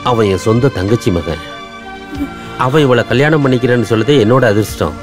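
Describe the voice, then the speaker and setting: An actor playing a calm, kindly wealthy father. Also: mid-range voice, brisk, music in the background, lightly acted. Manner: calm, reassuring. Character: wealthy, gentle older uncle and father. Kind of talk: film drama dialogue.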